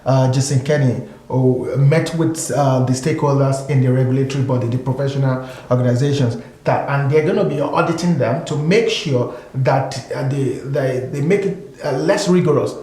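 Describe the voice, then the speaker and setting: A man's voice: mid-range voice, normal speed, few pauses, dark tone. A man talking as a guest in a casual discussion, emphatic, repeating his points, with lots of fillers. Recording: echoey room.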